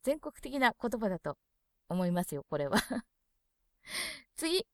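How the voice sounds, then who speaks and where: A woman works through a dialect dictionary, reading each entry clearly before slipping into soft, chatty asides. Her voice sits at an ordinary middle pitch, and the recording is dry and close, with no room sound. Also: sing-song, slow, no echo. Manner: reads entries clearly, then adds soft, chatty asides. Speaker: dialect lesson presenter. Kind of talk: reading dictionary entries aloud and commenting.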